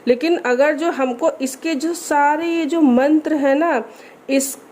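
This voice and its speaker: एक महिला शांत और समझाने वाले अंदाज़ में धार्मिक पाठ के नियम बताती है और बीच-बीच में संस्कृत श्लोक धीरे-धीरे पढ़ती है।. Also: female voice, high voice. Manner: calm, explanatory, recites Sanskrit verses slowly. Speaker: religious instructor. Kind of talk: explaining scripture recitation rules.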